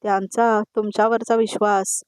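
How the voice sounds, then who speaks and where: A woman voicing a young male businessman giving an interview, calm and modest. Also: medium pitch, normal speed, clear, resonant tone, dry recording, close to an everyday voice. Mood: composed.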